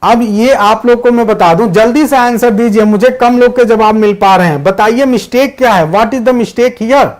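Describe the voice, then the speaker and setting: A man with a high voice leads a live online exam-prep class. He explains English grammar points and reads his students' chat replies aloud, switching between Hindi and English sentences. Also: moderate pace, hardly any pauses. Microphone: digital board class setup.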